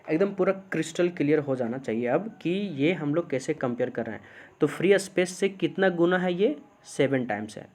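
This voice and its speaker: A male physics teacher, giving a classroom lecture. He keeps asking the class questions, answers them himself, and slows down to dictate definitions. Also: on the high side.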